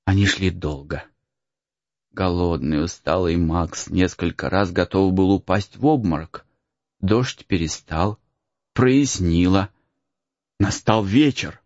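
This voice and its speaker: A man reading a storybook aloud in an unhurried, expressive way. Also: sits low, dry recording, dull audio. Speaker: narrator.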